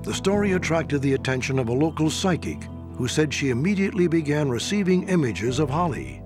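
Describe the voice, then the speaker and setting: Dramatic narrator guy, kinda high, lively pitch, soft music underneath. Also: brisk. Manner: grave, dramatic. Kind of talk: documentary narration.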